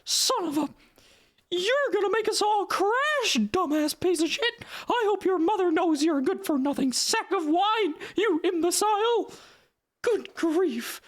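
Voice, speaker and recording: A voice actor putting on a foul-mouthed cartoon mouse with road rage, in a squeaky falsetto, ranting with exasperated sarcasm and drawn-out words. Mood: furious ranting. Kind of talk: cartoon character parody.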